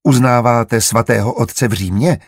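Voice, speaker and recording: A man's voice: mid-range voice, no room sound, studio quality, natural voice. A man voicing a stern, suspicious young Jesuit who questions people in a commanding way.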